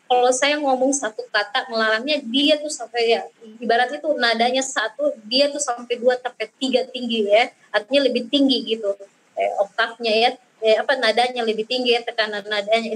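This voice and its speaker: Woman explaining parenting slowly. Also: a little high, steady tone, poor audio. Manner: explains slowly with many fillers and repeats. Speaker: parenting speaker and child therapist. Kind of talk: talk on parenting with audience questions.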